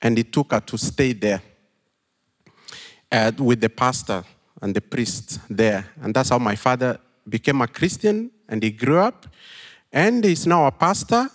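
Slow Kenyan man preaching in a hall. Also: medium pitch, lively intonation. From western Kenya. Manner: unhurried storytelling, thoughtful pauses and fillers. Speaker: pastor. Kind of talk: sermon. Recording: long hall reverb.

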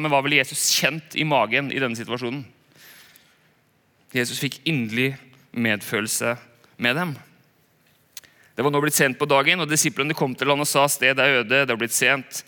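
A man preaches in a relaxed, joking manner, now and then acting out the voices he quotes. His voice is bright and forward. A long hall reverb trails behind each phrase. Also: medium pitch. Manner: casual, self-deprecating, acts out quoted voices. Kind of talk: conversational sermon.

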